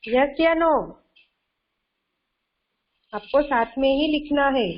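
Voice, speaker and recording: A woman teaching a kindergarten class online, slow and patient, often repeating herself and quizzing the children. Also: high voice, muffled recording. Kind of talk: online kindergarten Hindi lesson.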